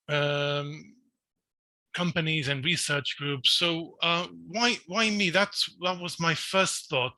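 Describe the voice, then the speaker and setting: A man's voice: a little high, bright, forceful tone, no room sound, low-quality recording. A man from Portugal, giving an online conference talk in a self-deprecating way, often restarting his sentences. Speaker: invited speaker.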